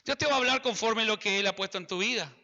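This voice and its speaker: Preaching in Argentine-accented Spanish, this man speaks quickly in a high, bright, forceful voice, hammering phrases again and again and talking straight to the congregation. The audio is muffled, with a big-room sound.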